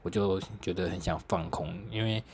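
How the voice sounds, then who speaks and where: A young man with a Taiwanese accent and a low, deep voice hosts a solo podcast. He rambles through stories in a chatty, self-mocking way, with easy laughs and mild swearing. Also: steady tone, normal speed, slight background noise. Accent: Taiwanese Mandarin. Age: young adult. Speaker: podcast host. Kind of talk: casual solo storytelling.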